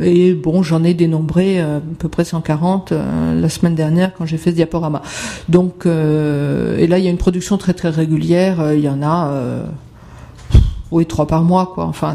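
A conference presenter walking through slides, speaking haltingly with many filler sounds. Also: mid-range voice, vocal fry, mellow.

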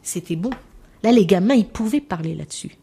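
A woman giving a lecture on children's language, mid-pitched and conversational. She talks informally to her audience, filling her points with small tag words. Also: expressive, fairly quick, gravelly, warm tone, breathy edge. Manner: chatty, leaning on "hein" and "voilà". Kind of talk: spoken lecture with anecdotes.

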